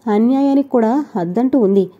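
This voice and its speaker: A woman narrating a novel in a steady, measured storytelling voice. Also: on the high side, slightly rough. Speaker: audiobook narrator. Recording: dull lo-fi recording.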